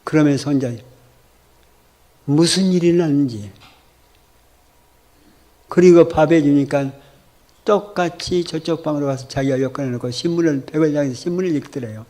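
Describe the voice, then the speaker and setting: A man's voice: on the high side, moderate pace, pauses often, dark tone. Male pastor telling a vivid story. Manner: vivid storytelling, acts out dialogue. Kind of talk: storytelling sermon. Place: church.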